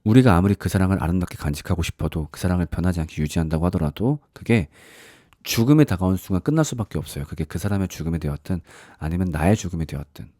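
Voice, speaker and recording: A man's voice: sits low, animated, quick pace, dark tone, no echo, studio quality. A man preaching a sermon in a conversational storytelling way, acting out the voices in the stories he tells. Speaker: pastor.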